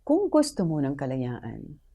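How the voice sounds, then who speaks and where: A woman pastor giving a polite, measured closing address to viewers. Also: very deep voice, wildly swooping pitch, mellow.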